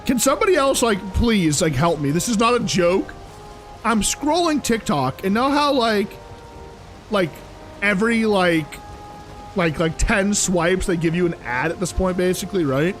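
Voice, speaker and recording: A young man live-streaming a video game, chatting casually with his viewers in an animated, exasperated ramble full of fillers. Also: high voice, normal speed, soft background music, low-quality recording. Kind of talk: casual live-stream chat while playing.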